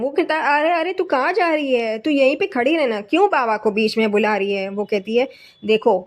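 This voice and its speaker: Woman telling what happened in a tv serial, fairly high voice, easygoing recap. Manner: retells scenes and quotes characters' lines in a plain voice. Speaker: narrator recapping a TV serial episode. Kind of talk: casual spoken recap narration.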